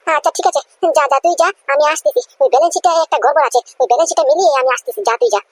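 A woman's voice: high-pitched, very fast, no echo, close to an everyday voice. A woman voicing a scolding, nagging mother in a cartoon. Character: scolding older mother of a company family.

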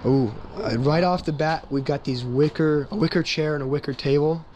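A young man with a slightly high voice that is partly gone, so it squeaks and cracks in places. He talks fast and excitedly while digging through a dusty storage unit, with a faint hum behind him. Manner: excitable, quick exclamations. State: losing his voice, squeaky in spots. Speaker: online reseller, channel host. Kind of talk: casual vlog narration.

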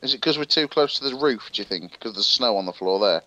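A man's voice: fairly low pitch, lively intonation, fast, bright, forceful tone, no room sound, lo-fi sound. Matter-of-fact man gaming. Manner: matter-of-fact, brief replies. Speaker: co-op game partner. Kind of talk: casual let's-play chat.

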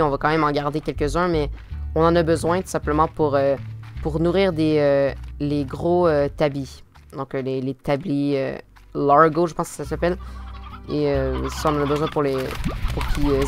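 A man with a Quebec French accent giving casual let's-play commentary, full of fillers and restarts, with sudden excited outbursts. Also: on the high side. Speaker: gaming video host.

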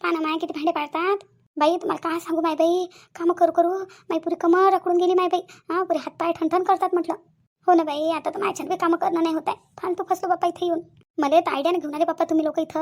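A woman voicing complaining rural women of a joint family in a cartoon, with a Vidarbha Marathi accent and a quick, chattering manner. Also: extremely high pitch. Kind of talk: cartoon voice acting.

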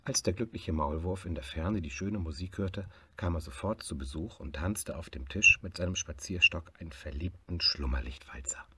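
Low, bright-toned male storyteller. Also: normal speed, few pauses, a little hiss or hum. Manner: lively, expressive reading, swelling louder in happy parts. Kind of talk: reading a picture book aloud.

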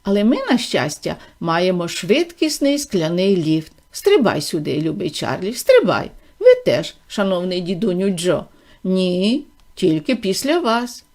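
Storybook figure: eccentric, theatrical factory owner, gushing and excitable, voiced by a woman reader, warm and soft. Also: lowish voice, a little slow, voice pushed down, heavily acted. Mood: hurried. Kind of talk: audiobook reading.

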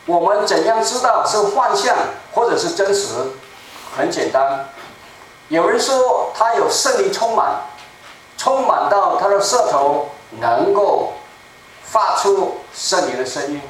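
A preacher in his seventies delivers an animated sermon in a small church, speaking slowly and deliberately and repeating key phrases for emphasis. His voice is a little high for a man. A room mic on a distant camera picks him up, with heavy echo and faint hiss.

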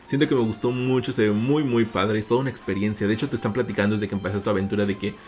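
A man's voice: on the low side, steady tone, very fast, darkish tone. A man with a Mexican accent hosting a gaming vlog, narrating playfully with big jumps in his voice and calling his viewers "little ones.". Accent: Mexican Spanish. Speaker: gaming YouTuber host.

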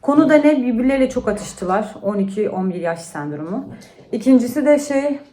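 A woman's voice: fairly high pitch, animated, a little fast, dark tone. Chatty woman vlogging at home. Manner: chatty, tired and venting. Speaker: vlogger and mother. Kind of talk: casual vlog chat to camera. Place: at home indoors. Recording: echoey room, faint noise.

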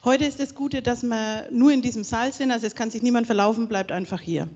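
A woman presents a conference program in a relaxed, self-correcting way. Her voice rings with long reverb through a large hall, and the sound is dull and lo-fi. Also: a little high, brisk, slightly rough. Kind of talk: conference moderation. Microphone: handheld microphone.

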